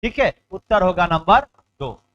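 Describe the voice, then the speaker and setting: A man with a high-set voice runs an exam-prep vocabulary lesson. He explains in Hindi and slows down to read out English words and definitions. He keeps checking in with his students, and the recording sounds slightly dull and lo-fi. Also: very animated, a bit bright.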